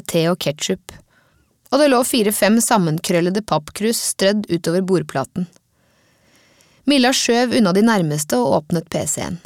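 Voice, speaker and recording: Narrator: woman, measured audiobook reading of a children's book, mid pitch, dry close sound. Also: darkish tone, no room sound. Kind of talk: scripted narration of a children's novel.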